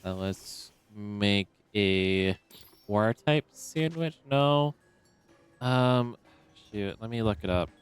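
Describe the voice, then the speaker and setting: A young man in a relaxed, rambling style, commenting casually as he streams a game and talking to himself with many fillers. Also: fairly low pitch, takes it slowly, smooth, faint music behind.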